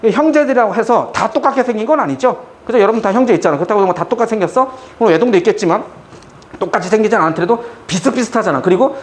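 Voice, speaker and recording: A man's voice: high-pitched, expressive, rapid-fire. A middle-aged man teaching math to students in a classroom, chatty and joking as he tells stories between explanations. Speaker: math tutor. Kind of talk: lecture with storytelling asides.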